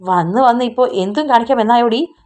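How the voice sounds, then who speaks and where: Audiobook: woman doing a short-fused young man, sharp and scolding, even pitch. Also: normal speed, soft background music, natural voice. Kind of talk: audiobook character voicing.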